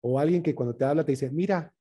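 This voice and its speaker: A man leading a communication workshop in a conversational way, often checking in with quick tag questions. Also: medium pitch, warm tone, breathy edge.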